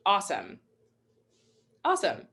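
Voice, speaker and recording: Young female test-prep instructor, lowish voice, cheerful and encouraging, casual webinar teaching. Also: wildly swooping pitch, unhurried, vocal fry, a bit bright. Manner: upbeat, encouraging, chatty with fillers. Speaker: MCAT instructor. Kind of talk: live online teaching webinar.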